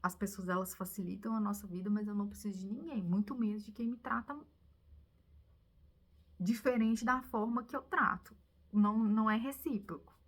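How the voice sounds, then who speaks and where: Brazilian woman, vlogger, casual storytelling, animated and confiding, mid-range voice. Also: mid-range voice, moderate pace. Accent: Brazilian Portuguese. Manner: animated, confiding, drops to whispers at times.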